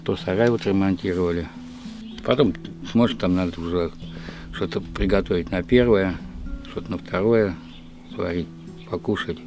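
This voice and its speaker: A man's voice: deep voice, normal speed, long pauses, over music. A middle-aged man from Russia talking plainly and matter-of-factly about his daily routine, outdoors in a village yard. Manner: plain, matter-of-fact, folksy. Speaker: village father, interviewee. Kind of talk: casual chat.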